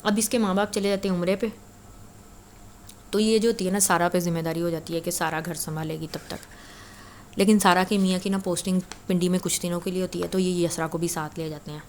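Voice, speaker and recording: Woman storyteller, low even voice, relaxed chatty retelling with fillers. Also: slight background noise. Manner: chatty, conversational, frequent filler "na". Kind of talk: casual spoken story retelling.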